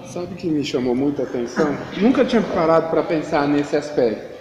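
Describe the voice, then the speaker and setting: High-voiced man musing in a church. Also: animated, a little fast, background noise. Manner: reflective, rhetorical questions. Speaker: church speaker. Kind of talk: sermon reflection. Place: church hall. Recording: echoey church hall.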